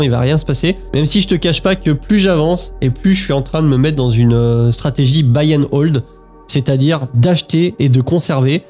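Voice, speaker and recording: A man with a mellow, warm voice talks in a relaxed, chatty way straight to the viewer. He hesitates often while walking through charts on screen. Soft music plays faintly underneath. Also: a little high. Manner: chatty, speaks directly to the viewer, frequent hesitations. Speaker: investing vlogger. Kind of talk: casual talk to camera while screen-sharing charts.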